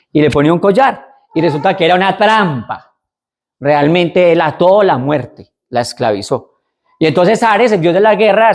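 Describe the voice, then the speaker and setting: Man retelling a myth casually. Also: a little high. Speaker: speaker on mental health and leadership. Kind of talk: storytelling lecture.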